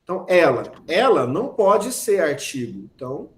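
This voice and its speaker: A man with a Brazilian Portuguese accent teaching a lively online grammar class, talking straight to his students with teasing asides. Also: a little high, moderate pace, echoey room.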